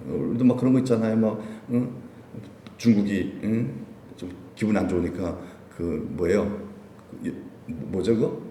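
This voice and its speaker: A man's voice: on the low side, normal speed, dark tone, echoey room, far from the mic, slight background noise. A male pastor giving a chatty sermon at a midweek prayer meeting, putting many questions to his listeners. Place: church sanctuary.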